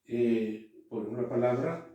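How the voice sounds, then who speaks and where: A man giving a classroom lecture, halting, with frequent "eh" and checks that students follow. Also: mid-range voice, dark tone, slight background noise. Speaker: teacher. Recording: echoey room, voice from far off.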